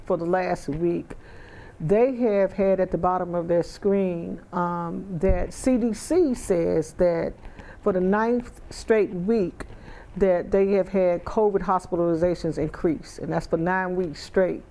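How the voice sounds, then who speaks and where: A woman's voice: fairly low pitch, slow pace, mellow. A middle-aged woman hosting a talk show in a studio, chatting in a rambling way with lots of fillers while she is feeling unwell. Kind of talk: casual interview chat.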